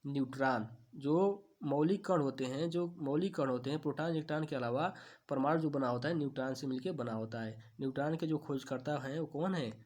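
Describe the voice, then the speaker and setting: A man teaching exam questions, asking each answer back as a question and then repeating it, stretching key terms slowly. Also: mid-range voice, darkish tone. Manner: slow, drawn-out stresses on key terms. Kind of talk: quiz-answer lesson.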